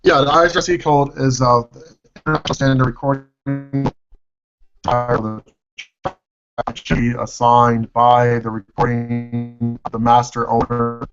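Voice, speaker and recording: A man speaks haltingly over a video call, his audio glitching and breaking up. The sound is dull and lo-fi, and his voice carries a gravelly edge. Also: mid-range voice, flat delivery, over music. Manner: halting, with many fillers. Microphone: computer on a video call.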